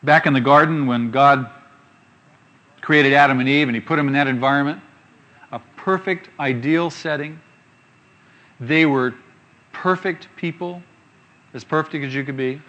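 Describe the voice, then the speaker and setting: A man preaching a sermon, reading scripture slowly and asking rhetorical questions with emphasis. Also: a little high, bright, forceful tone, lo-fi sound.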